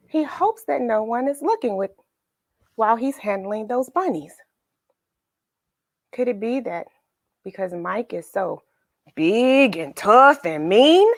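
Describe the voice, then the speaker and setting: A woman with a mid-range voice hosts a children's read-aloud, narrating a storybook with emphasis, dramatic pauses and questions for her young listeners. The recording is dry and studio quality.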